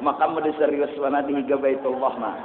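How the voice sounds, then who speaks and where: A man's voice: medium pitch, little pitch movement, quick pace, crowd noise. A man with a Banjar accent preaching a sermon, mixing Arabic quotations into local speech. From South Kalimantan, Indonesia. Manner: mixes Arabic quotes with local speech, chants call to prayer. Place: mosque prayer hall. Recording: echoey hall over a tinny, noisy line.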